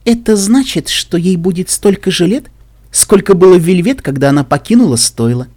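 A man's voice: high voice, lively intonation, normal speed, a little mellow, no echo, clean studio sound, voice pushed up. A man doing an earnest young filly. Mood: explaining.

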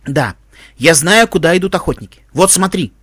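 A man's voice: a little high, expressive, moderate pace, fairly bright tone, breathy edge, no echo, studio quality. A man voicing a bossy, know-it-all male computer companion who lectures and insists. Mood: explaining.

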